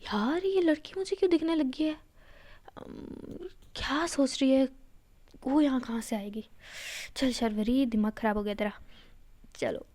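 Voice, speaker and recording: महिला द्वारा घबराई बड़बड़ाती कॉलेज की लड़की. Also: female voice, high-pitched, a little slow, long pauses, darkish tone. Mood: puzzled. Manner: muttering, flustered. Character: jittery chatty college girl.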